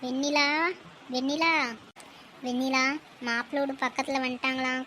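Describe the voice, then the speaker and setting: A woman's voice: sits high, flat delivery, moderate pace, bright, forceful tone, a little hiss or hum. A woman voicing a busy middle-aged mother of the bride in a cartoon, calling out and giving instructions. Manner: calls out, instructs. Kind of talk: cartoon voice acting.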